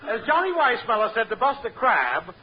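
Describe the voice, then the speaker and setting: A man's voice: very high-pitched, huge pitch swings, normal speed, exaggerated voice. A man playing a salesman who tells one-liners and laughs at his own gags in a 1940s radio comedy. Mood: jokey. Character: pun-cracking male salesman, fond of his own jokes. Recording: noisy dull 1940s radio recording.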